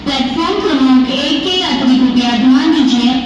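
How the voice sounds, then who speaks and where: Woman on an echoey outdoor station loudspeaker. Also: high-pitched, highs cut off, very noisy. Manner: measured, even announcing delivery. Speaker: railway station announcer. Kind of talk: formal public announcement. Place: outdoor railway platform. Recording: echoey loudspeaker heard from far off.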